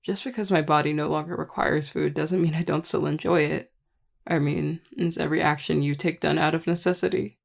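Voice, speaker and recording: A performer voicing a charming, affectionate vampire lover in an intimate audio role-play, teasing and tender in a relaxed, gravelly voice. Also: medium pitch, a little fast. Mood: tender, reflective. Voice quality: gravelly, heavy vocal fry. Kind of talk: intimate audio role-play, one-sided dialogue to listener.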